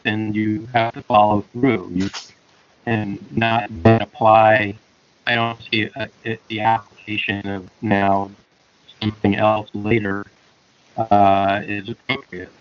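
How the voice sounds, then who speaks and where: A man chairing an online public hearing, speaking haltingly with many fillers while his audio keeps cutting out. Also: on the low side, level tone, faint music behind. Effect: choppy audio that keeps cutting out. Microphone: remote call connection. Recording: muffled lo-fi online call with dropouts.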